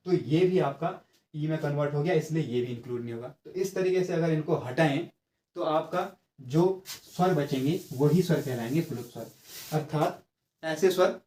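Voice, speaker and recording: A man's voice: a little high, dark tone. A man giving an exam-prep grammar lesson, explaining step by step, checking in with his students and stretching sounds out to demonstrate them. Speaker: teacher. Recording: echoey room.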